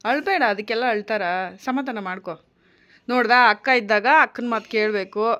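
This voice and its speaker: A young adult woman in a casual home vlog, talking in a gentle, coaxing and reassuring way as a mother soothing her child. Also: on the high side, moderate pace.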